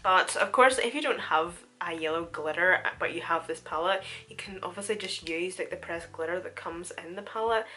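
A woman's voice: lowish voice, moderate pace, few pauses. A woman chats informally and animatedly through a casual makeup tutorial. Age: 20s. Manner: informal, chatty, animated storytelling. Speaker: beauty vlogger. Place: small room at home, indoors.

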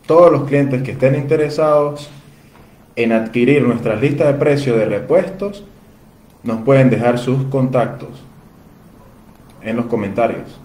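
A man's voice: mid-range voice, a little slow, long pauses, darkish tone. A man from Venezuela, selling phone parts and courteously answering viewers' questions in a live Q&A. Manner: courteous, addresses viewers as "usted". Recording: roomy echo, faint ambient noise.

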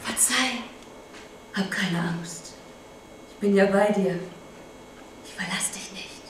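An actress performing a stage monologue as a proud, grieving widowed queen and mother, measured and deliberate. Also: medium pitch, distant mic, slight background noise, close to an everyday voice. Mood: tender. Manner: measured, bursting into bitter outrage, then tender. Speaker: acting student. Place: stage or studio hall. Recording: very echoey stage from afar.

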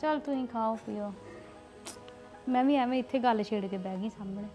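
An actress playing a woman hushing a family quarrel in a drama. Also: a little high, moderate pace, lo-fi sound, faint music behind, lightly acted. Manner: hushing, urging calm.

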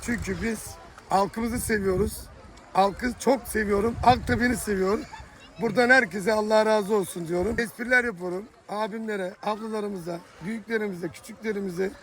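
A middle-aged man with a Thracian Turkish accent, selling simit on a beach with playful, teasing sing-song calls. His voice sits very high for a man. Wind rushes over the outdoor mic. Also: steady tone, a bit bright, low-quality recording. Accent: Thracian Turkish dialect. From Thrace, Turkey. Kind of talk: street hawking and short interview.

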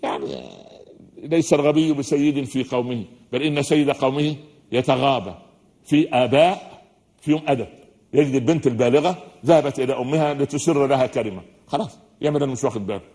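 An Egyptian-accented man delivers a religious lecture to an audience in a hall. He talks quickly, switching between formal phrasing and colloquial asides and often stopping to ask the room a question. His voice sits at a plain middle pitch for a man. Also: a little mellow. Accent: Egyptian Arabic. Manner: fast-talking, says listeners are used to his speed; mixes classical and colloquial speech, asks the audience questions. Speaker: preacher giving a lecture.

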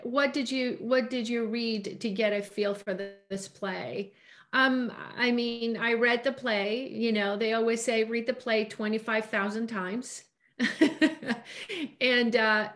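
A woman's voice: a little high, a bit bright. Chatty woman on a video call. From Greece. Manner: chatty, quick bursts with many fillers. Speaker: director and producer. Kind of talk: casual Zoom Q&A. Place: home room. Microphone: laptop webcam on a video call.

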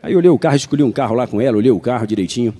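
A Brazilian pastor tells a story from the pulpit, quick and animated, acting out each exchange. His voice is mellow and dark. A long reverb fills the church hall around him. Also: medium pitch. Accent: Brazilian Portuguese. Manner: animated, acts out dialogue. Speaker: pastor and physician. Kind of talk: sermon storytelling.

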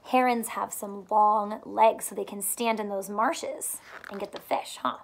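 In a small furnished room at home, a woman in her thirties gives a children's story read-aloud with simple teaching, posing questions to young listeners. Her gravelly voice is medium in pitch, with a steady tone and a measured pace.

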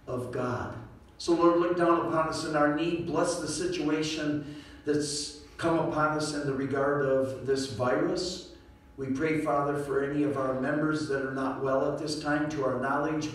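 A man leading a church congregation in prayer, in a measured, solemn way. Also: mid-range voice. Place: church sanctuary. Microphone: podium microphone, filmed from far back. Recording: echoey church room from far off.

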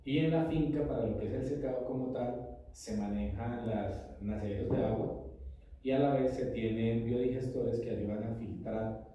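A middle-aged businessman explains his coffee company in a measured, steady way. He sits at a meeting table, picked up by a camera across the room, so his voice sounds distant and bounces around the hard walls. A faint hum of room ambience sits behind him. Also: medium pitch, dull audio. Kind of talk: interview answers. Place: large office meeting room. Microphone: far camera. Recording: echoey room from far off.

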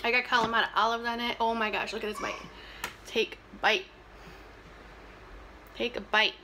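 A young adult mukbang vlogger chats casually and animatedly while eating on camera in a small, plain indoor room, sometimes talking between bites. Her voice is a little high and level at a moderate pace, and the recording has clear background noise and clicks.

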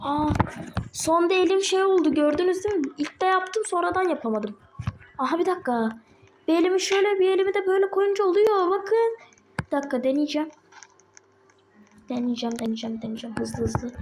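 A woman with a slightly sore throat, chatting excitedly to viewers while playing a game on a tablet. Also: very high-pitched, fast talker, background noise. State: sore throat, a bit ill. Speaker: gaming channel host. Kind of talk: casual gameplay commentary. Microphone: tablet microphone.

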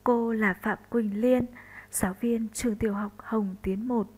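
A woman primary school teacher from northern Vietnam giving a slow recorded lesson for first graders, spelling out sounds deliberately. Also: fairly high pitch, fairly even intonation, a little mellow, husky, rough recording.

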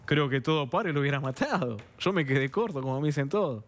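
A man from Buenos Aires, speaking Spanish with that city's accent, is a guest in a TV studio interview. His slightly high voice has lively intonation and a quick pace as he vehemently recounts events, acts out the dialogue, and keeps asking "understand?".

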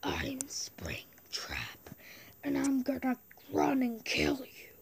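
A young girl voicing a menacing old male animatronic rabbit in a slow, low whisper, with faint background noise. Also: huge pitch swings, vocal fry, heavily acted.

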